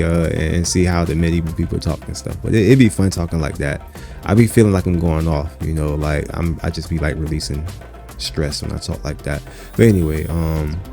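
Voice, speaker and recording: A gaming channel host with a low, warm voice and some vocal fry rambles casually through gameplay commentary. He calls his viewers "you guys" and fills his talk with "you know" and "um."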